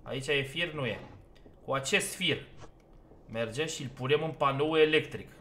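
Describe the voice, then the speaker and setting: Playing through a horror game for his YouTube let's play, a man narrates every step to himself and quickly grows exasperated. He speaks in a fairly bright, mid-range voice, with a little hiss or hum on the recording.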